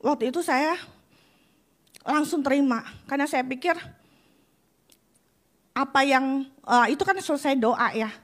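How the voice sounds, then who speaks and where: A woman's voice: high-pitched, unhurried, long pauses, fairly bright tone. A woman pastor giving an earnest, emotional testimony in a church sermon.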